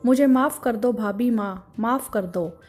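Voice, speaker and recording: A woman's voice: fairly high pitch, a little slow, darkish tone, soft background music. A woman voicing a remorseful young man who pleads and apologizes.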